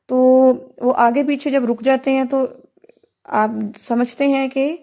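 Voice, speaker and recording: A woman's voice: high voice, steady tone, darkish tone. A woman teaching a recitation class, explaining patiently, stressing key words and asking her students questions as she goes. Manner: patient, explanatory, mixes English terms into speech. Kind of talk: lecture to students.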